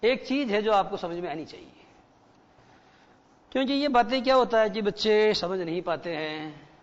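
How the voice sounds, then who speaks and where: A man's voice: sits high, long reverb tail, lo-fi sound. A male teacher giving a grammar lesson in a mix of Hindi and English, repeating key words and asking the class questions.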